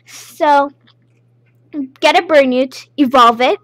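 A woman giving casual, rambling gameplay commentary, with excited outbursts. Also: sits high, takes it slowly, no echo. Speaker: gameplay video creator.

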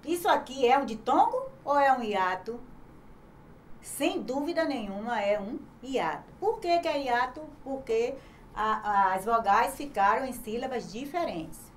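A Brazilian-accented woman teaches children grammar in a slightly raised voice, unhurried and careful. She spells words out syllable by syllable and poses questions to her young class before answering them herself. A faint hiss of background noise sits under the recording. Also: a little high, animated. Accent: Brazilian Portuguese. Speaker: primary school teacher. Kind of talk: online grammar lesson for children.

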